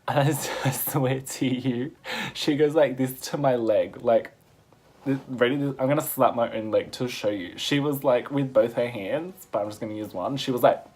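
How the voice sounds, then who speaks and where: A man telling a story in a casual vlog, animated and laughing, swearing freely as he goes. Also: medium pitch, normal speed. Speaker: vlogger.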